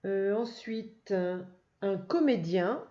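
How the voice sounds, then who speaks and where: The recording, lo-fi and dull with a faint noise, captures a first-grade teacher's reading lesson for young kids. Her mid-range voice is expressive and unhurried, and she stays patient while praising the listener frequently.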